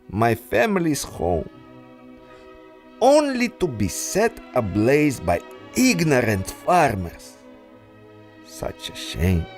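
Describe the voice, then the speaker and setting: In a pulp adventure audio drama, a male actor plays a smooth mastermind: a treacherous scientist and exiled aristocrat from Russia. He uses a full character voice, unhurried and silky yet menacing, with theatrical pitch swoops and soft music underneath.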